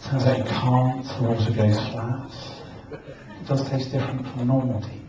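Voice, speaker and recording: Man telling deadpan jokes in a club. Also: mid-range voice, a little slow. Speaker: stand-up comedian. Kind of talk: stand-up at an open mic. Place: small comedy club. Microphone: camcorder at the back of the room. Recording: echoey, dull, noisy camcorder recording from far off.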